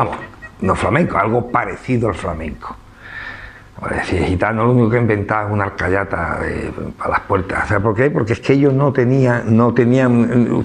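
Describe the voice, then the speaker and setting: A man with an Andalusian Spanish accent speaks to an audience in an easygoing lecture manner. He keeps tossing in rhetorical questions and a tag "¿no?". His voice sits at an ordinary middle pitch for a man. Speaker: speaker at a book presentation. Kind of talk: informal public lecture.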